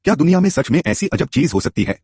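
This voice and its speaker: A man's voice: on the high side, very animated, fast talker, darkish tone, husky, no echo. A man narrating a story in a scripted telling and voicing its characters himself.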